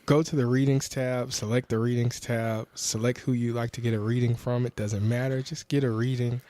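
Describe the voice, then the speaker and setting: A man co-hosting a podcast in casual chat, speaking in a plain, low-key way. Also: level tone, a little fast, warm tone. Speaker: podcast co-host, card reader.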